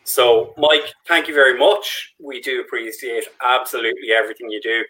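A man hosting a casual sports fan podcast, relaxed and friendly, with frequent restarts. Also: medium pitch, normal speed, low-quality recording. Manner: relaxed, stumbles and restarts, friendly shout-outs. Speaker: podcast host.

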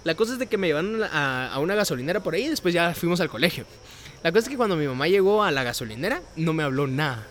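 A man's voice: fairly high pitch, big pitch swings, rapid-fire, a bit bright. A young man with a Guatemalan Spanish accent telling a story in casual chat, acting out the quotes and laughing often.

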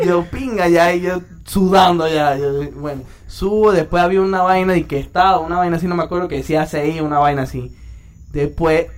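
Young man, high-pitched, animated slangy storyteller among friends. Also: fairly quick. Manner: animated, slangy, acts out his own past lines with nervous laughs. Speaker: podcast co-host telling a story.

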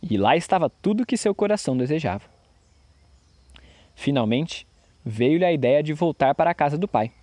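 A man's voice: a little high, animated, normal speed, pauses often, dark tone, no echo. A man narrating a fairy tale expressively, doing voices for the figures.

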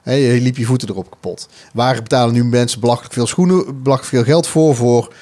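A man's voice: mid-range voice, fast, darkish tone. A man co-hosting a podcast, thinking aloud in casual chat with frequent hesitations. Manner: musing, many fillers and restarts. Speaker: podcast co-host. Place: office studio.

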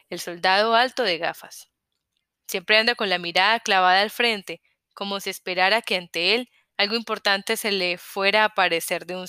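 A woman narrating a story in the first person in a measured, scripted audiobook reading. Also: mid-range voice, pushed and bright, clean tone, dry recording, clean studio sound.

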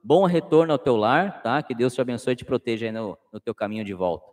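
A man's voice: medium pitch, fast, darkish tone, in a large hall. A man with a Brazilian Portuguese accent hosting a casual live stream and reading viewer messages. He talks in an informal, slangy, fatherly way and calls his viewers nephews.

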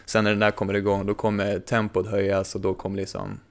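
A man who works as a DJ, chatting casually in a rambling way with lots of fillers. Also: on the low side. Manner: relaxed, rambling, many fillers. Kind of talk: casual chat.

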